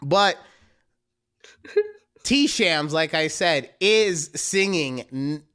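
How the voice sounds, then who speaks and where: A man in his thirties co-hosting a podcast, chatting casually and joking with loud bursts. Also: on the high side, animated, very slow, clean tone. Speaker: podcast co-host. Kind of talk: casual chat.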